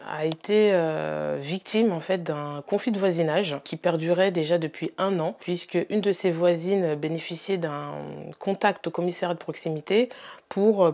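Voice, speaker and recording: A woman giving an earnest documentary testimony as a bereaved sister. She speaks hesitantly, with frequent filler pauses. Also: lowish voice, creaky, darkish tone. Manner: earnest, emotionally heavy recounting.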